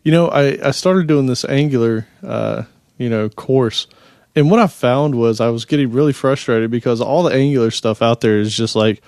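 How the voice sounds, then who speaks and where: A man's voice: mid-range voice, normal speed, a little mellow, no echo, studio quality. Man co-hosting a casual tech podcast. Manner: long explanatory stretches, rambling thought. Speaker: podcast co-host.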